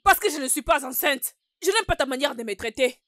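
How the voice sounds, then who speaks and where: A jealous, menacing wife. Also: female voice, high voice, animated, a little fast, a bit bright, no room sound, studio quality. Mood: indignant. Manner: commanding, harsh and insistent. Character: jealous, scheming adult wife, cruel and threatening. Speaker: jealous wife in a dubbed film. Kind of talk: French film dub acting.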